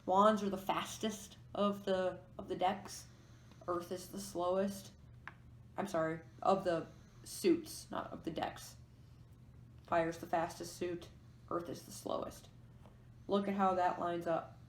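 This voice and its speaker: A woman's voice: on the low side, flat delivery, slow, long pauses, slight background noise. A woman giving a pick-a-card tarot reading, musing aloud as she explains each card. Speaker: tarot reader. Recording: echoey room.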